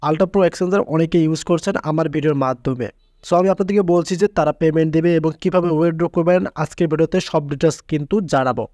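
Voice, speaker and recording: A man with a notably high voice leads a screen-recorded app tutorial in an insistent, repetitive way. The recording is close and dry, with no room sound behind him. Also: quick pace, warm tone, no room sound. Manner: insistent, repeats filler words for emphasis. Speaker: tutorial channel host.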